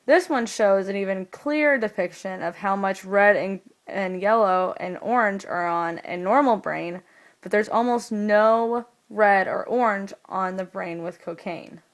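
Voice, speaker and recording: A young woman plays the explainer in a scripted educational skit. She walks through each point patiently, step by step, at an ordinary middle pitch. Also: unhurried, low-quality recording. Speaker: explainer in a school video skit.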